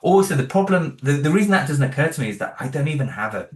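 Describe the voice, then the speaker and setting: With a slightly high, sing-song voice, the British audio drama creator races along while being interviewed. He sounds earnest yet a little hesitant, thinking aloud casually, and the room sound is roomy and echoing.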